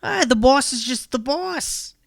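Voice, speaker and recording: A man doing a loud, high toad-folk creature. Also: lively intonation, vocal fry, no echo, studio quality, heavily acted. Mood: chatty, nosy. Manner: loud, high, wobbly, halting put-on accent. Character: bored slimy toad-folk worker, cackling and nosy.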